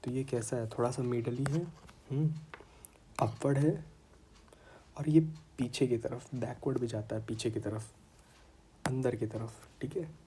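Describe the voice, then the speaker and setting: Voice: mid-range voice, steady tone, measured pace, long pauses, mellow, slight background noise, low-quality recording. An anatomy tutor with a sore throat, giving a casual online lecture in a chatty way and repeating terms for students.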